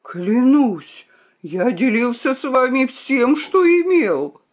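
A woman's voice: sits high, very animated, extremely slow, pitched above the performer's own voice, exaggerated voice. Woman voicing an old veteran rooster. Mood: pleading. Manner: earnest, emotional. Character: old veteran rooster, a gentle male soldier.

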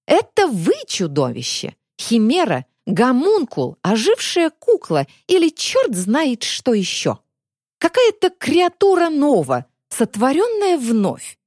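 A sneering middle-aged inspector, cold and villainous, mocking and theatrical as he taunts, put on by a woman reading an audiobook. His pitch swings widely, and the recording is dry and close. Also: wildly swooping pitch, slow pace, a little mellow, dry recording, exaggerated voice.

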